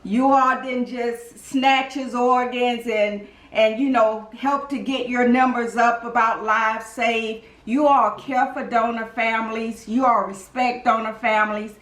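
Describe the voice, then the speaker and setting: A woman's voice: fairly high pitch, steady tone, unhurried, hardly any pauses, a bit bright. A woman speaking earnestly and emotionally on a video call, often repeating herself as she gives thanks. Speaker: donor mother and speaker. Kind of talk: heartfelt testimony on a video call. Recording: echoey room.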